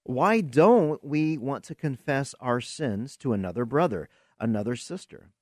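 Slow, earnest man preaching on a podcast. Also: mid-range voice, lively intonation, darkish tone, no echo, clean studio sound. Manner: earnest, asks rhetorical questions, repeats words as he searches. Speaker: podcast host and Bible teacher. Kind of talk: preaching-style Q&A teaching.

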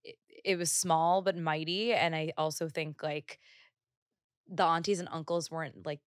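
A woman's voice: low voice, steady tone, moderate pace, dry recording, clean studio sound. A woman from Northwest Indiana, a guest on a podcast, talking casually with lots of "like" and giggles. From Northwest Indiana, United States. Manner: casual, frequent "like" fillers, giggly. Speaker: guest, artist and art teacher. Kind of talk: conversational podcast interview.

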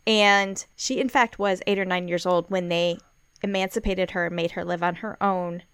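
Smooth-voiced chatty woman podcast host. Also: on the low side, steady tone, moderate pace, a bit bright, no room sound. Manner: chatty, laughs often, swears freely. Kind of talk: casual chat.

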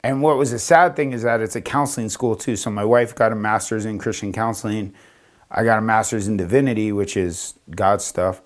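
A man's voice: lowish voice, fairly quick. A man from Florida, a pastor, telling his story casually on a podcast and acting out the dialogue. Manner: animated, acts out quoted dialogue in a raised voice.

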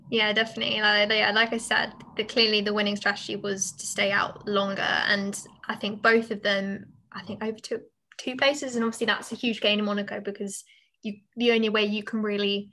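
Bright-voiced chatty woman podcaster. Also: medium pitch, little pitch movement, normal speed, slight background noise, poor audio. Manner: chatty, opinionated, laughs often. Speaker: podcast co-host. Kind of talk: casual chat.

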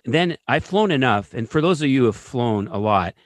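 Animated male storyteller, dry sound. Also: mid-range voice, normal speed, no echo. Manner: animated, keeps asking "right?". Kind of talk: casual storytelling.

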